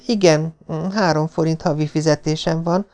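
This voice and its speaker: A man's voice: a little high, fairly even intonation, darkish tone, voice pushed up, natural voice. A man voicing a proud, touchy little schoolboy who talks in a stiff grown-up way, in an audiobook reading. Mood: anxious. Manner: earnest, stiffly grown-up, hurt pride. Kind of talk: audiobook character voice.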